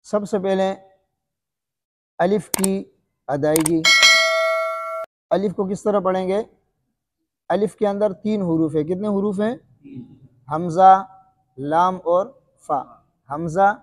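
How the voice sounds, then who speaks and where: A man with a high voice teaches Quran recitation. He quizzes the listener and drills each letter sound aloud, over and over. His voice rings with a long, hall-like reverb. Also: darkish tone.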